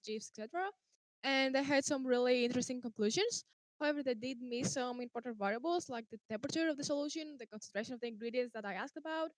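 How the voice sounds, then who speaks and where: A woman's voice: fairly high pitch, no echo. A young woman from Greece giving a methodical, point-by-point critique as a team's opponent over a video call. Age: young adult. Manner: structured, methodical listing of points. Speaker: opponent in a student science tournament.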